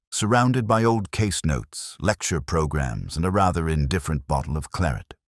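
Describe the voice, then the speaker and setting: A man playing a brooding, literate police inspector, narrating a detective drama in a measured, wry, reflective way. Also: a bass voice, no echo, studio quality, exaggerated voice. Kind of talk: scripted first-person detective drama narration.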